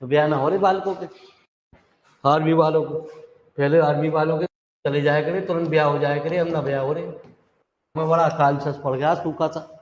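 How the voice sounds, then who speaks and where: A man's voice: a little high, steady tone, fairly quick, long pauses. A male math teacher, lecturing in a chatty way and calling the students "dear children". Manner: chatty, calls students "dear children", mixes English terms. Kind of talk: classroom lecture. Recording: echoey, dull classroom recording.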